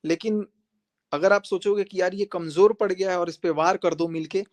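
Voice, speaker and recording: Guy ranting on a live stream, kinda high voice, keeps repeating himself, calling someone out. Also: fairly even intonation, normal speed. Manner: confrontational, repetitive, addressing viewers directly. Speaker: livestreamer.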